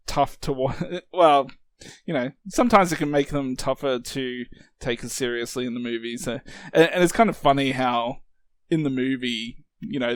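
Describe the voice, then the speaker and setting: A man co-hosting a casual podcast about movies, laughing often and restarting his sentences. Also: no room sound. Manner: laughs often, restarts sentences, quotes lines in high put-on voices. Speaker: podcast co-host.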